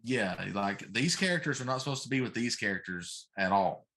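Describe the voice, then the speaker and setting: His voice is mid-range, fairly bright and expressive, and he talks a little fast. This middle-aged talk-show co-host complains emphatically about pop culture, repeating points for effect in a casual, opinionated chat.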